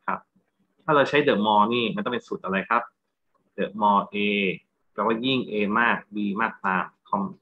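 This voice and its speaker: A man's voice: on the low side, unhurried, narrow, tinny audio. A Thai-accented man teaching English grammar in a lecture, going through exam answers and checking understanding with rhetorical questions.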